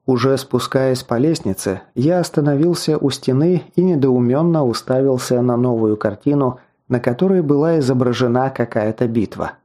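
A man narrating a fantasy novel in the first person, in an even, storytelling manner with wry asides. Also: medium pitch, moderate pace, hardly any pauses. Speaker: audiobook narrator.

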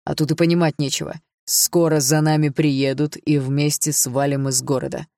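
A reader puts on a gruff, domineering older father who barks and hisses his commands at his grown son. The voice sits in a middle register and is recorded dry and close, with no room around it, as audiobook character voicing. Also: medium pitch, level tone, normal speed, darkish tone, no echo, close to an everyday voice. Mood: barking orders. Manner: barking, harsh, commanding. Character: rich older father, gruff, bullying criminal type.

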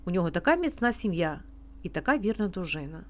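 Woman doing a brash clingy woman, hissing unpleasant voice, overly loud, theatrical. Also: fairly low pitch, big pitch swings, fast. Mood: mocking.

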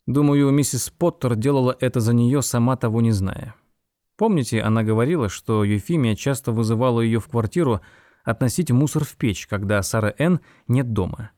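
A sharp male detective in a spoken mystery, as the narrator puts him on, brisk and impatient as he reasons aloud. His voice is dark and mellow. The recording is dry and close. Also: mid-range voice, no room sound, natural voice.

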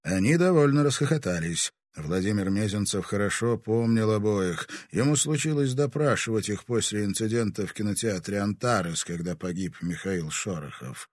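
A male audiobook narrator reading scripted prose. His pitch moves widely through each sentence. The sound is dry and close to the mic. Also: moderate pace, hardly any pauses, dry recording. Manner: expressive, lively reading.

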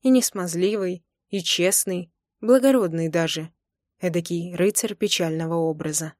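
A woman narrating a first-person romance audiobook with an intimate, expressive reading. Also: lowish voice, moderate pace, dry recording, studio quality.

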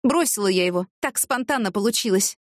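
A woman voicing an excitable young woman in trouble, speaking in anxious exclamations. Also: mid-range voice, fairly quick, no room sound, clean studio sound, lightly acted.

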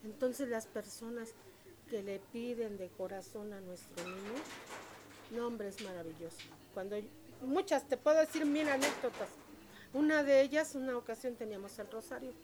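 A woman, telling stories in a lively, chatty and devout way during an interview. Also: a little high, moderate pace. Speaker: interviewee, local shop owner. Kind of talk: casual storytelling interview. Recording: street crowd noise behind.

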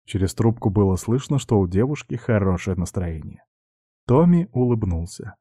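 A man reading an audiobook in an even, flat narration. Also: on the low side, moderate pace, no room sound, studio quality.

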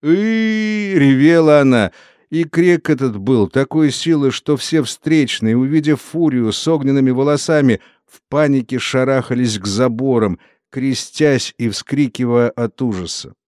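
A man narrating a literary novel in a steady, solemn storytelling manner. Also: medium pitch, normal speed, dry recording, studio quality. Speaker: audiobook narrator.

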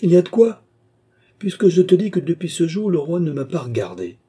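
A man's voice: medium pitch, normal speed, mellow, slightly rough, natural voice. A man voicing an old, vain French duke who banters and dodges, his retorts rising in exasperation. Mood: exasperated. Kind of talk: audiobook character reading.

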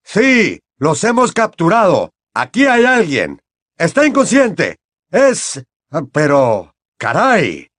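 A man reading an audiobook and voicing a stern middle-aged male wizard official who talks in a loud, officious way. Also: high voice, big pitch swings, moderate pace, dry recording, clean studio sound, pitched above the performer's own voice. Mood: excited.

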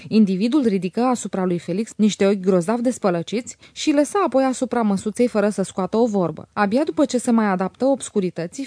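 A woman narrating a classic novel as an audiobook, in a measured, even reading on a close mic. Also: a little high, dry recording.

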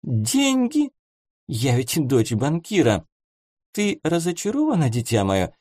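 Audiobook figure: a man playing a wry, teasing young noblewoman, lightly raised pitch, dry sound. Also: wildly swooping pitch, takes it slowly, darkish tone, no echo, full character voice. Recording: dry close studio sound.

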